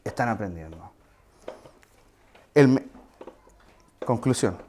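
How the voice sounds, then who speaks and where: A man's voice: lowish voice, expressive, slow, dark tone, a little hiss or hum. A man preaching a sermon in a conversational way, with asides and questions to the congregation.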